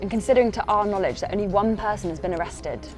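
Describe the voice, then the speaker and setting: A woman's voice: mid-range voice, quick pace, darkish tone, faint music behind. A woman reading scripted news narration as a reporter.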